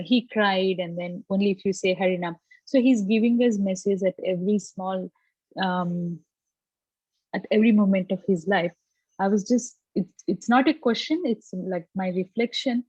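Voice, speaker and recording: A woman with a South Indian accent speaks in a mellow voice on a group call. She reflects haltingly, repeating phrases as she searches for words. The audio is dry and slightly muffled. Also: medium pitch, no room sound. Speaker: class participant.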